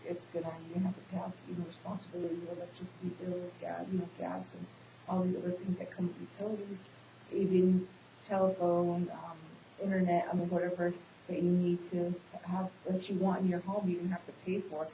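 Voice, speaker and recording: A woman's voice: on the low side, completely flat delivery, a little fast, mellow. A congested woman playing a counselor in a practice session, talking with many ums and restarts. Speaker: social work student playing the counselor in a role-play. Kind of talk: counseling session role-play. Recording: echoey room, dull hissy recording.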